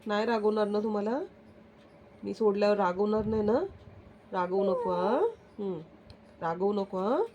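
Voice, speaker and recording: A woman's voice: medium pitch, steady tone, moderate pace, pauses often, dull audio, background noise. A woman talking to her pet dog at home in coaxing baby talk, teasing and asking it questions.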